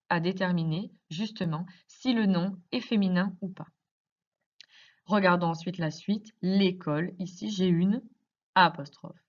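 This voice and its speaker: A woman teacher explaining grammar to young children in slow, careful speech, asking many questions. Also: mid-range voice, muffled recording. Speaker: primary school teacher.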